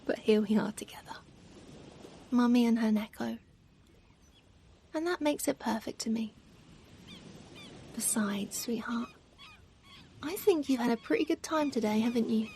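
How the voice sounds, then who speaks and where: A woman whose voice is on the high side takes her time here, speaking a little slowly with long pauses as an ASMR performer playing a tender, doting mother. Fond and reassuring, she comforts her pet with soft, affectionate murmurs, sometimes near a whisper, and gently teases herself. Ocean waves provide steady ambient noise throughout.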